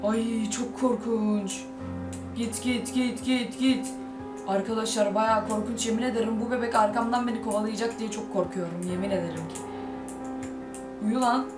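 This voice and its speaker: A woman's voice: a little high, fairly even intonation, normal speed. Jumpy woman gamer, echoey room. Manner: jumpy, exclaims and shrieks when scared. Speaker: gaming YouTuber. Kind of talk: casual let's-play commentary. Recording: echoey room with loud game music.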